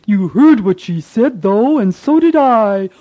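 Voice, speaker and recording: A woman's voice: medium pitch, lively intonation, unhurried, warm tone, muffled recording. A woman voicing a fussy old mother owl who is eager to gossip, in a storybook reading. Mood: scandalized. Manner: scandalized, breathless gossip.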